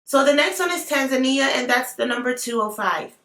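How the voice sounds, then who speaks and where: High-pitched and expressive, this woman speaks a little fast with a bright, forceful tone. She's a beauty vlogger with an African accent, casually talking through a makeup tutorial with playful asides, her mic at a distance in a roomy space.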